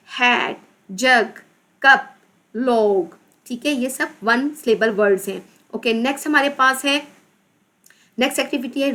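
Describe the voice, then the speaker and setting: Teaching children English, a woman with a Pakistani accent pronounces words slowly, says them again and spells them letter by letter. Her voice sounds fairly bright and on the high side, with a little background noise in the recording.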